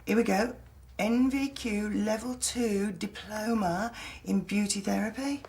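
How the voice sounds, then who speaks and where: A woman's voice: mid-range voice, darkish tone, slight background noise, natural voice. An actress playing a blunt, decisive woman in a TV soap who has lost her memory. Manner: blunt, quick to decide. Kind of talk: TV soap acting.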